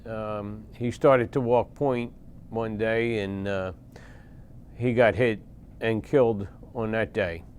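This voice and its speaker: A man in his sixties from Philadelphia, a veteran recounting war memories in a plain-spoken, halting way with pauses and fillers. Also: on the low side, steady tone, darkish tone, a little hiss or hum. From Philadelphia, USA. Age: 60s. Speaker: veteran interviewee.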